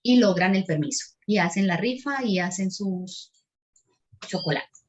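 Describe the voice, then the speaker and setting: A Colombian woman leads a teacher-training workshop and talks through a classroom example. She keeps a middle pitch and brings the children and the teacher to life as she quotes them. The sound is a little dull and lo-fi, like an online talk. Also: measured pace, a little hiss or hum. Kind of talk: lecture retelling a classroom example.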